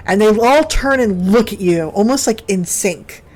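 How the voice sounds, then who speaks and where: A woman's voice: mid-range voice, lively intonation, unhurried, darkish tone. A woman running a tabletop game as game master, narrating in a rambling way with fillers and self-corrections.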